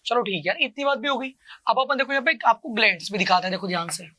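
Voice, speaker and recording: A male coaching teacher giving a lecture. He asks each question, answers it himself in a lower voice, and repeats every term to drill it. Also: fast talker, sharp tone, slight background noise. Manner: keeps calling the listener "beta" and repeats each term. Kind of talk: classroom lecture with call-and-response drilling.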